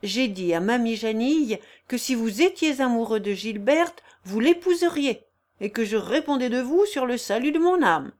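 A woman's voice: fairly high pitch, expressive, moderate pace, a little mellow, close to an everyday voice. A woman reading the lines of an old male carpenter, a blunt and fatherly friend, in an audiobook.

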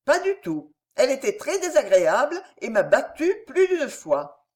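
A woman's voice: big pitch swings, moderate pace. A woman reading an audiobook, voicing an outspoken, cheeky young girl with a raised, pert tone. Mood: indignant. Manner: pert and forthright, higher and brighter than the narration. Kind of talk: audiobook character dialogue.

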